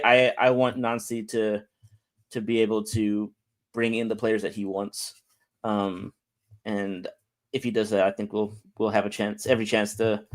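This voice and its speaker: A man with an American accent chatting casually as an interview guest, often repeating words as he thinks. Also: mid-range voice. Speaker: podcast guest, soccer fan.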